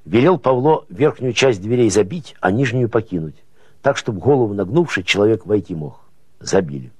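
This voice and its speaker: A man narrating prose as an audiobook, with expressive folksy storytelling rhythm. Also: on the low side, moderate pace, slightly rough, no echo.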